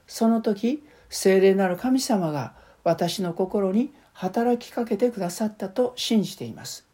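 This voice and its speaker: A woman giving a calm, measured sermon that mixes scripture reading with a personal testimony. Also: mid-range voice, husky. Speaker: preacher.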